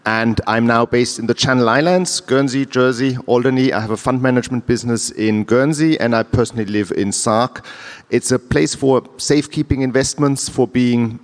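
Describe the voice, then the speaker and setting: Panelist: man, mid-pitched, plain and brief, long hall reverb. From Germany. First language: German. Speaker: panelist, fund manager. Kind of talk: conference panel introduction.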